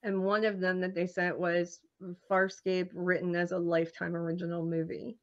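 Woman guest, lowish voice, animated anecdotal delivery, slightly dull lo-fi audio. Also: moderate pace. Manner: animated anecdotal storyteller, laughs often. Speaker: screenwriter and marketing guest. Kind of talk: interview storytelling.

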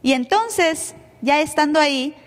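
A woman pastor from Mexico with a Mexican accent, telling her testimony in an animated sermon style. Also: sits high, a little slow. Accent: Mexican Spanish. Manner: animated storytelling, acting out dialogue. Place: church. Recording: reverberant church live stream.

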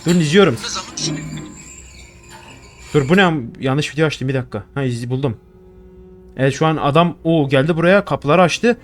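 A young man talks through a horror game in a casual, nervous rush. His voice sits a little high, and he keeps swearing and greeting the things he picks up. Faint game music plays under him. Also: normal speed, long pauses. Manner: jumpy, swears a lot, talks to objects in the game. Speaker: gaming YouTuber. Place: home room.

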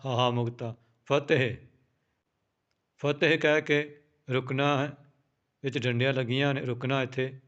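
Slow, clear-voiced teacher. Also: male voice, medium pitch, fairly bright tone, muffled recording. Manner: spells out each word letter by letter, then repeats it slowly. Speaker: Gurbani pronunciation teacher. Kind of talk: slow, careful recitation lesson.

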